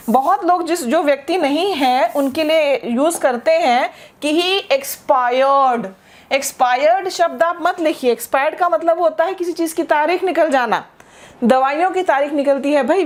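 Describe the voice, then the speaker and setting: Female English teacher, high voice, drawls model phrases slowly and rattles through explanations, keeps checking with the class. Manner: slow, spelled-out model phrases between quick explanations. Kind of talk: spoken English lesson.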